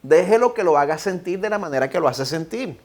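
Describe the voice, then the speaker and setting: Pastor puertorriqueño de voz algo aguda. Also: male voice, fairly high pitch, animated, a little mellow. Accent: Puerto Rican Spanish. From Puerto Rico. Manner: reads scripture slowly and emphatically, then exhorts the congregation directly. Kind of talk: sermon. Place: church sanctuary.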